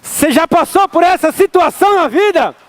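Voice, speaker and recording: A man with a Brazilian accent giving a motivational talk, an animated storyteller who slows into dramatic pauses. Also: extremely high pitch, dry recording. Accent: Brazilian Portuguese. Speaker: motivational speaker.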